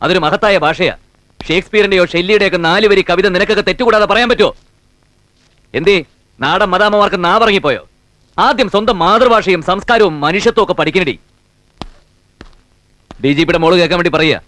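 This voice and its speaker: A man's voice: high voice, fairly quick, pauses often, sharp tone, no room sound. An actor playing a hot-tempered young man who scolds and lectures in film dialogue. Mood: scolding.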